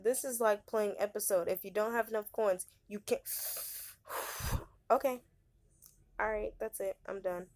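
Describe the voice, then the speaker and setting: A woman giving casual commentary while playing a story game on her phone, venting loudly in slangy, exasperated bursts. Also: mid-range voice, fairly even intonation, measured pace, pauses often, dry recording. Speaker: gamer reading a story game aloud.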